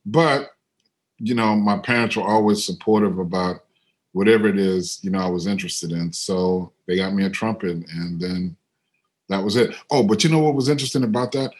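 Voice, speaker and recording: A middle-aged man with a fairly low voice tells a story from his life at an easy pace. He speaks into a computer on a video call and fills his talk with little asides. He brightens and lifts his voice when he acts out other people. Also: moderate pace. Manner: animated when quoting others, otherwise easygoing with fillers. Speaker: interviewed musician and composer. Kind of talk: relaxed storytelling.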